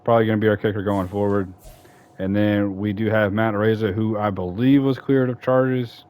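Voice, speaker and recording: A man's voice: on the low side, steady tone, normal speed, darkish tone, clean tone. A man casually talking through a football franchise game, rambling and correcting himself as he goes. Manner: rambling, self-correcting, chatty. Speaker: gaming YouTuber. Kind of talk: casual franchise-mode commentary.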